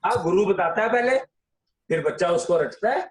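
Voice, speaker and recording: A man's voice: high-pitched, lively intonation, normal speed. A man explaining tradition in a casual discussion, insistent and lecturing. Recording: echoey room.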